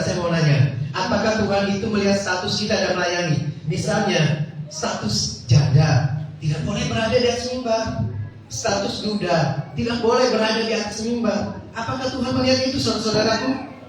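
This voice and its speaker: A man with a high voice preaches a testimony, speaking directly to the congregation and acting out the conversations he recounts. He sounds distant from the microphone. The hall rings with a lot of echo under a faint hiss. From Indonesia. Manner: storytelling, acts out dialogue, addresses congregation. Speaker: guest preacher. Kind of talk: sermon testimony. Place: church hall. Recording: echoey church hall, distant mic, faint noise.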